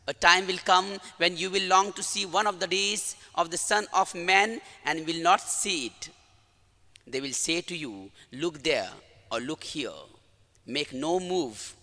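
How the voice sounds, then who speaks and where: Indian English male priest, high and sharp-toned, formal homily delivery, long cathedral echo. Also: animated. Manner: formal, measured liturgical delivery. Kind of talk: reading the gospel and preaching a homily. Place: large church. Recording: long church reverb.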